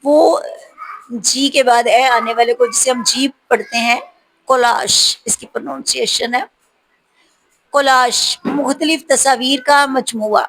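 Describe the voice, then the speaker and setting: A woman teacher reads out spelling words one by one and explains what each means, slowing down for the hard ones. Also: high-pitched, steady tone, a bit bright, poor audio. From Pakistan. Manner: reads each word slowly, then explains it. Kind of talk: vocabulary lesson for spelling practice.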